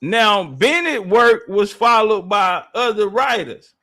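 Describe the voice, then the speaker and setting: A man's voice: high-pitched, expressive, slow, pushed and bright. A man hosting a live debate stream, confrontational and taunting in slangy speech, repeating phrases for emphasis. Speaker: live-stream panel host.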